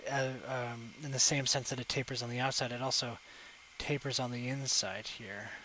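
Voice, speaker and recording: A man's voice: medium pitch, fairly even intonation, normal speed, sharp tone, a little hiss or hum, poor audio. A young man talking through a live digital sculpting session at his desk mic, thinking aloud with lots of fillers and self-corrections. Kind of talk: casual live tutorial commentary. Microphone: desk microphone.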